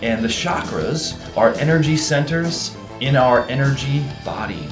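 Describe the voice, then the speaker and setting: A middle-aged man leads a casual meditation talk, his voice rising and falling a lot as he muses through rhetorical questions. His tone is relaxed and chatty, and faint music plays softly in the background. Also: mid-range voice, measured pace. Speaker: meditation teacher and group admin.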